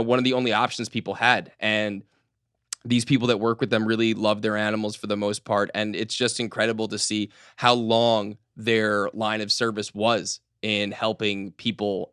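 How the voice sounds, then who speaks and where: A man's voice: on the low side, fairly bright tone, clear, resonant tone, no echo. Young man, playful co-host, jokey quips, casual chat, dry close mic. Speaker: podcast co-host.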